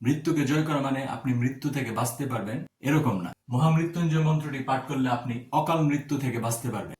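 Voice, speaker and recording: A man giving a slow, careful pronunciation lesson, spelling words out sound by sound. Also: mid-range voice, a little mellow, echoey room, distant mic. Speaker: teacher.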